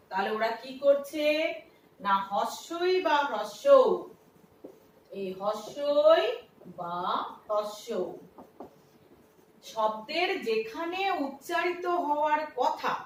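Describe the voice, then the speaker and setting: A woman teacher explaining a lesson step by step, asking questions and answering them herself. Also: sits high. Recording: echoey room, from a distance, faint noise.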